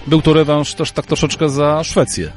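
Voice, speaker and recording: A man's voice: a little high, little pitch movement, moderate pace, faint music behind. A male sports reporter interviewing riders and a coach and reading results, asking short leading questions.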